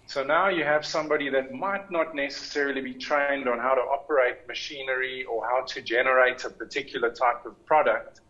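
A man, speaking from an office as an insurance expert, relaxed and conversational. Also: mid-range voice, fairly quick, few pauses. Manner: relaxed, conversational, repeats words when restarting. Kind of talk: panel interview answers. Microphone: video call. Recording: slightly muffled video call audio.

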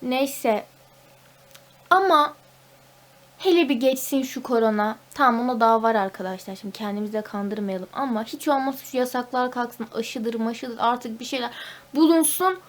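A woman's voice: a little high, moderate pace. A young woman, a university student, venting at home in a casual vlog, talkative and mock-dramatic. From Turkey. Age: young adult.

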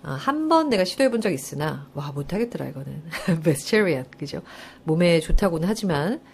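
A woman lecturer teaches a live online English test class, her pitch swooping up and down as she keeps asking students questions and answering them herself, laughing often as she explains. She is very animated, speaks at a moderate pace with a gravelly voice, and there is slight background noise.

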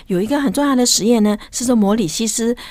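A woman's voice: fairly high pitch, fast, darkish tone, no room sound. An older woman with a Taiwanese Mandarin accent, a professor guest on a radio interview, explaining science and dropping English terms into her talk.

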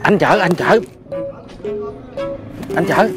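A man's voice: a little high, animated, takes it slowly. A man pulling a prank in a comedy skit, urging and ordering his partner around. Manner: urging, bossy, addresses partner as "bé". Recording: loud music behind.

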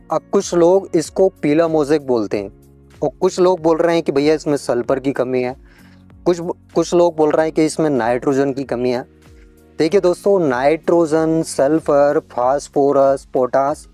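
A man's voice: on the high side, warm tone. A man hosting a farming advice channel, explaining crop care to farmers in a friendly tutorial way, often addressing them as friends.

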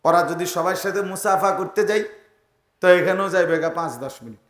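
High-voiced man preaching in an echoing hall. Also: normal speed, fairly bright tone. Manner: emphatic, rhythmic lists with rising and falling calls. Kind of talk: sermon. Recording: echoey venue sound.

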